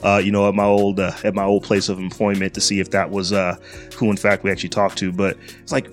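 A man's voice: low-pitched, completely flat delivery, fast talker, faint music behind. A middle-aged man hosting a casual podcast. He reads a spotlight segment from his notes and breaks off into slangy, joking asides. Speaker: podcast host.

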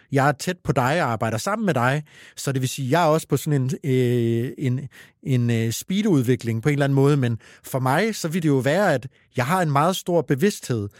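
Man, podcast co-host, reflective, hesitant, mid-pitched voice, dry sound. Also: darkish tone, dry recording. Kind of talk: casual podcast conversation.

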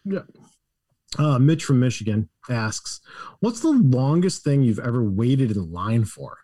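A man's voice: mid-range voice, big pitch swings, measured pace, warm tone, no room sound, clean studio sound. A man co-hosting a sports podcast, reading listener questions aloud and chatting casually with a joking tone. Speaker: podcast co-host.

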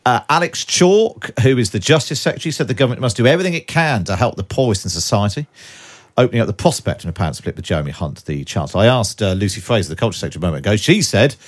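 Brisk British male radio presenter. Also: lowish voice, animated. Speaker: radio host.

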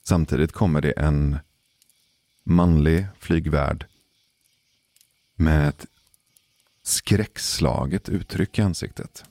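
A man telling a personal story in a casual, measured way, pausing for suspense. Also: a bass voice, fairly even intonation, warm tone, no room sound. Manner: measured, deliberate pauses for suspense. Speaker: podcast storyteller.

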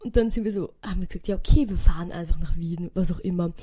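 Fast-talking excitable Austrian woman. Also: on the low side, slightly rough. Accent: Austrian German. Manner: chatty, excitable, mixes English words in. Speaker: podcast host. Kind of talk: casual storytelling monologue.

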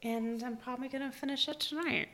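A woman with a bright, crisp-toned voice, co-hosting a casual podcast. She talks in a playful, teasing way and jokes easily with her co-host. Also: sits high, steady tone, fast. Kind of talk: casual chat.

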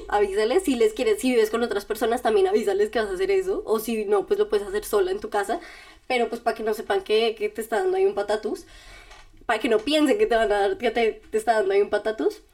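A woman with a medium-pitched, slightly mellow voice speaks fast while hosting a podcast. She gives step-by-step self-help directions straight to the listener, casual and chatty, with small laughs.

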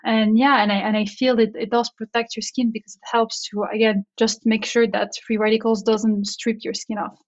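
Higher-voiced woman, slightly dull audio. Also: flat delivery, moderate pace, few pauses. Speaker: podcast co-host. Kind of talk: casual podcast chat.

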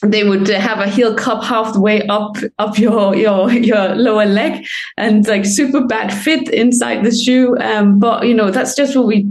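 A woman's voice: medium pitch, darkish tone. Woman explaining with many fillers. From Denmark. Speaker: sports medicine lecturer, guest. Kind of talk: conversational interview answers.

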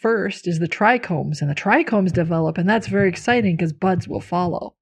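With a lowish, slightly rough voice at normal speed, a woman chats casually on her herbalism podcast, warmly explaining plants and teachers in an informal, talkative style peppered with fillers.

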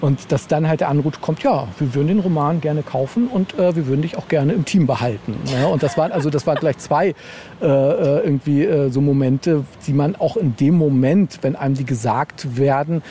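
This interviewed novelist has a fairly high, dark-toned voice and speaks a little fast. Chatting casually on a podcast, he rambles and keeps ending phrases with a questioning filler, over a slight hiss or hum.

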